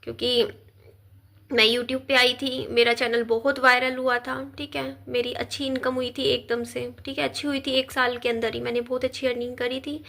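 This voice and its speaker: Woman in her 30s, sick and tired, talking slow and low into her phone, high bright voice. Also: little pitch movement, gravelly. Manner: slow, subdued, tired delivery. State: unwell and weak. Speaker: vlogger. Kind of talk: personal talk to camera.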